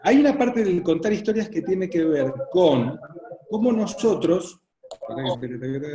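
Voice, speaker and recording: A man's voice: on the high side, warm tone. A man with a Rioplatense Spanish accent facilitating an interactive online workshop in an effusive, appreciative way. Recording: roomy echo on online call.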